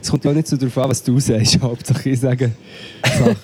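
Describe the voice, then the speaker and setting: A man's voice: medium pitch, steady tone, a little fast, a little mellow. A man with a Swiss German accent, sick at home, chatting casually as a podcast co-host and complaining about the call connection. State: sick and coughing. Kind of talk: casual chat over a remote call.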